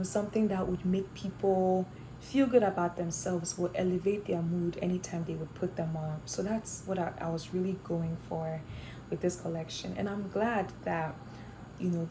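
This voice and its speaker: Speaking at a moderate pace in a fairly low, steady voice, this young adult woman from Ghana is a fashion design student being interviewed. She considers her answers carefully, though fillers and restarts creep in. Background noise can be heard.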